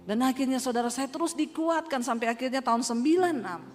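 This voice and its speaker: Woman pastor in her 40s, high voice, earnest testimony sermon, echoey hall, quiet music under it. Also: quick pace. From Indonesia. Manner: earnest storytelling, often quoting others. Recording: reverberant hall with soft background music.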